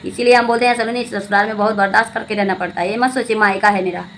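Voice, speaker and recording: A woman's voice: medium pitch, fairly even intonation, fast, fairly bright tone, a little hiss or hum, poor audio. A young adult woman, giving preachy, scolding commentary to her viewers and repeating her points. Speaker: vlogger commenting on a family channel. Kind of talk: casual spoken commentary to viewers.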